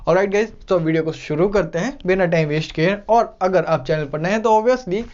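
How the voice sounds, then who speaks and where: A man with an Indian English accent, a teacher, gives a casual video lesson in pronunciation and says each word slowly and clearly more than once. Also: high-pitched, a little mellow, muffled recording. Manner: repeats words slowly and clearly for learners.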